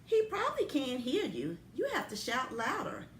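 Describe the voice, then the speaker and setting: A woman voicing an eager young boy who insists his new friend shout louder. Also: sits high, wildly swooping pitch, moderate pace, a little hiss or hum, pitched above the performer's own voice. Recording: echoey room.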